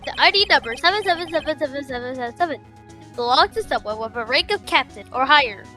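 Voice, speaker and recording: A woman's voice: high-pitched, lively intonation, quick pace, pushed and bright, faint music behind. A woman giving an assertive amateur dramatic reading of video game dialogue.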